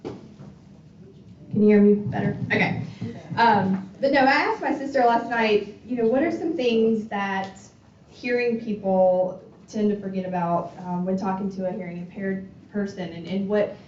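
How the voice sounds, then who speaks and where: A hearing specialist gives an informal community presentation, chatty and full of fillers and restarts. Her medium-pitched voice has a darkish tone and a measured pace. The recording sounds roomy, distant and dull, with slight background noise.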